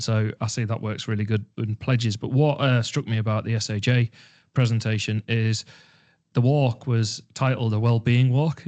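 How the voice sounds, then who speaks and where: A man hosting an online team meeting, talking in a relaxed, reflective way with fillers. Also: medium pitch. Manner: conversational, reflective, uses fillers. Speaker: webinar host. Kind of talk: casual online meeting chat.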